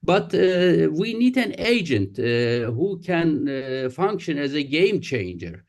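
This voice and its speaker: A man asking a panelist a question at an academic symposium, speaking politely and haltingly with many fillers. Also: on the high side, big pitch swings. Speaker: audience questioner.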